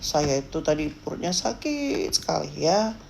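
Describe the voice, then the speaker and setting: A woman's voice: low voice, measured pace, vocal fry, slight background noise. A woman preaching a sermon, animatedly acting out the story. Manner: animated, acts out scenes with shifting voices.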